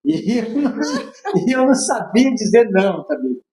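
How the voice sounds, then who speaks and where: A man's voice: high voice, a little slow. A man with a Brazilian Portuguese accent telling a story as a podcast guest, acting out the dialogue with laughs. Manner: animated, acts out dialogue with laughs. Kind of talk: casual storytelling. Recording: echoey room.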